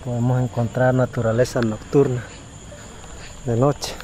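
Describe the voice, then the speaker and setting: Male night vlogger, thirties, casual and mellow, mid-pitched, outdoors with insects and faint noise. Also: little pitch movement, a little slow. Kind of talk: casual night exploration vlog addressed to viewers. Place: outdoors at night in a grassy area. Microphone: handheld camera at arm's length. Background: crickets and insects.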